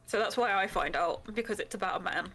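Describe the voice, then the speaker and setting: A young woman who rattles along quickly in a bright, forward voice, teasing and giggling as a podcast co-host. Faint noise hums behind her. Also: mid-range voice. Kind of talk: casual chat.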